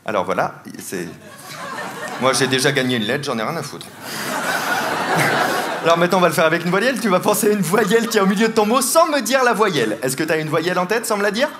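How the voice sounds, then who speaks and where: A man with a high, expressive voice speaks briskly as he performs comedic mentalism for a live theatre audience. Playfully teasing his volunteers and laughing often, he's accompanied by the crowd's laughter and applause.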